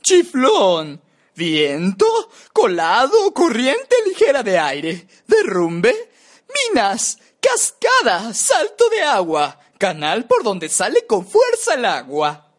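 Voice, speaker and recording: Slow, expressive woman reading word lists. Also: on the high side. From Mexico. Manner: slow, deliberate, shifting tone word by word. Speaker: radio announcing student.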